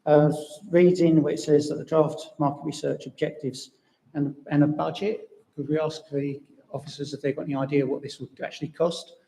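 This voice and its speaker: A man's voice: fairly high pitch, level tone, a little fast, vocal fry, dark tone. A male councillor speaking at a council meeting, hesitant with apologetic restarts. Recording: echoey council chamber.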